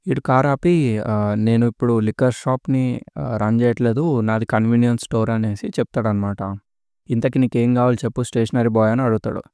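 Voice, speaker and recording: A man casually retelling a series plot in a relaxed, chatty way, with many filler sounds between phrases. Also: mid-range voice, fairly quick, clean tone, no room sound, studio quality. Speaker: storyteller recapping a series.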